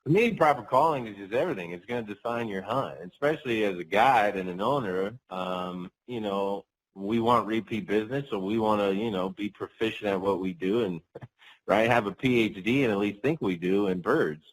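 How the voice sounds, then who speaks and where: Male hunting guide, lowish voice, casual interview guest explaining his technique. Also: normal speed, low-quality recording.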